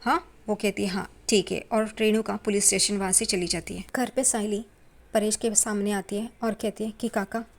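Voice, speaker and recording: A woman narrating a casual, steady recap of a TV serial episode. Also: mid-range voice, a little fast. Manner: plain, steady retelling.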